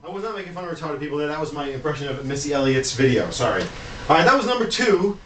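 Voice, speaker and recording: A man's voice: on the high side, big pitch swings, racing, a bit bright, distant mic. A man DJ chatting loosely through a countdown of records, with asides and fillers. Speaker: DJ presenting hip-hop samples. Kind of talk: casual commentary over records. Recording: roomy, off-mic, music behind. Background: music playing.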